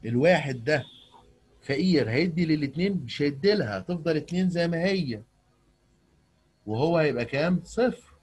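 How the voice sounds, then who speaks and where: A man with an Egyptian accent tutors a young pupil in math over a video call. He talks quickly in a husky voice, asking patient, coaxing questions and walking her through each step. The sound comes through an online call. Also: fairly high pitch, animated, darkish tone. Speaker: math teacher.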